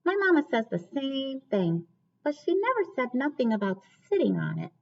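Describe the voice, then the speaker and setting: A woman's voice: high-pitched, sing-song, normal speed, creaky, darkish tone, voice pushed up, exaggerated voice. A woman voicing a friendly, eager little girl from a storybook, on a dull recording. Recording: dull, lo-fi sound.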